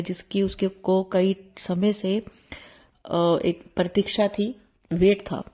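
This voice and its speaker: Earnest devotional host, a middle-aged woman with a warm, mellow voice who pleads and repeats herself. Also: mid-range voice. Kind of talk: devotional talk to followers.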